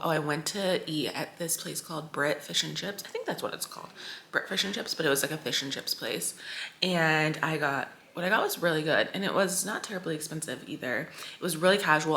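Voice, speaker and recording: Young American woman vlogger, bright crisp tone, casual rambling chat over faint background noise. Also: deep voice. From United States. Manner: rambling, chatty, full of fillers and self-corrections. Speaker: travel vlogger.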